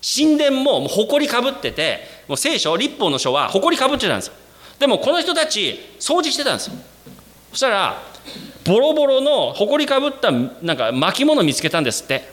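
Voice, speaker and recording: Lively, high-voiced man preaching. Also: brisk. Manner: animated, addresses the congregation directly; acts out quoted voices with sudden jumps in pitch. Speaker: pastor. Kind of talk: sermon.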